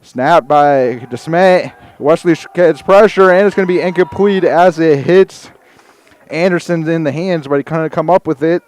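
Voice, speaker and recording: Casting: male local sports announcer, out of breath, crisp slightly high voice, live play-by-play. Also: moderate pace, a little mellow. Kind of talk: live high school football commentary.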